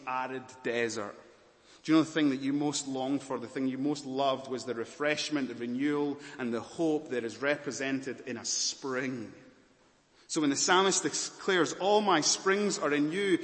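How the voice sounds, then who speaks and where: A man born in Malawi who grew up in Scotland, preaching a sermon as pastor with dramatic pauses and rising swells. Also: medium pitch, fairly bright tone. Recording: long hall reverb.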